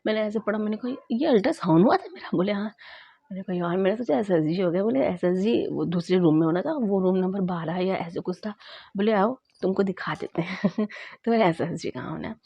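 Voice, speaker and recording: A woman vlogger casually recounting her own experience, acting out both sides of the conversations in a lively way. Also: mid-range voice, brisk, gravelly, husky, no room sound, dull audio. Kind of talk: casual storytelling vlog.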